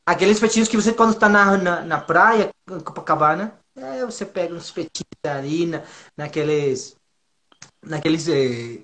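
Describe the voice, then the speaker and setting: A man chatting as a guest in Portuguese, often pausing and hunting for words, then speeding up when he finds them. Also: high voice. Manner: hesitant, searching for words, lively and laughing. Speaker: foreign guest learning Portuguese. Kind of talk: casual conversational interview.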